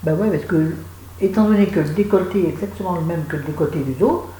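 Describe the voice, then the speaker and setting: A woman's voice: on the low side, quick pace, mellow, echoey room, a little hiss or hum, poor audio. A woman chatting casually to camera from her home, rambling and self-mocking with frequent restarts. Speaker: vlogger. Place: room at home.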